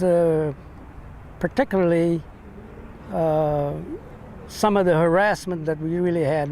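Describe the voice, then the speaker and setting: Older American veteran reminiscing, higher-pitched voice. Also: male voice. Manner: old veteran remembering, halting with long hesitations and repeated words. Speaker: navy ship veteran being interviewed. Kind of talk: reminiscing in an interview. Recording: noisy, with steady background rumble.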